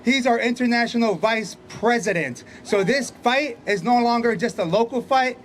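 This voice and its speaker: Man, very high voice, rally emcee, outdoors, faint traffic noise. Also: moderate pace. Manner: animated, laughing, punchy questions to the crowd. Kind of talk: rally speech. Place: outdoors by hotels.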